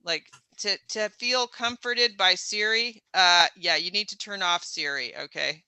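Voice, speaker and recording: Bright, crisp voice in dry chat. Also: medium pitch, unhurried, no room sound. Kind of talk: casual chat.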